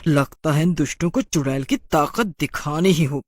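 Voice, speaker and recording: A fierce mother witch from a storybook tale, fond of her daughter and quick to threaten anyone who hurts her, as a woman narrator puts her on. Her pitch swoops widely, sitting a little low for a woman. The recording is dry and close. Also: animated, no room sound. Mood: furious. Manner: doting to her daughter, menacing when angry.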